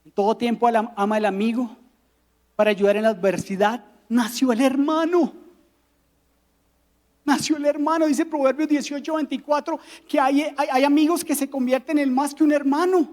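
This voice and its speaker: Male pastor, Colombian accent, animated sermon delivery with humor. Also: very high-pitched, normal speed. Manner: animated preaching with rhetorical questions and humor.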